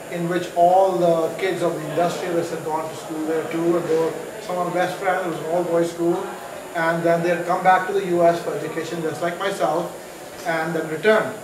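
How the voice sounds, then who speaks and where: A man from Pakistan telling his story as a guest on stage, chatty and self-mocking, with many fillers and restarts. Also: fairly high pitch. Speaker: guest entrepreneur. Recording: distant mic, echoey room, noisy.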